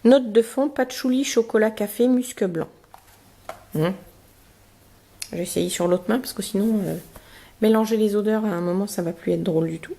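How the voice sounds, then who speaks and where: Her mid-range voice is gravelly and dark, and her nose is blocked from a cold. In this casual unboxing, she talks through a beauty box with lots of pauses and fillers, reading product cards out loud.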